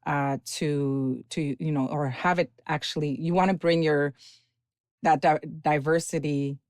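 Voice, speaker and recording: Low-voiced woman asking winding questions. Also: steady tone, unhurried, a little mellow, dry recording, clean studio sound. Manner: long winding questions, encouraging. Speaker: podcast host. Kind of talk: interview.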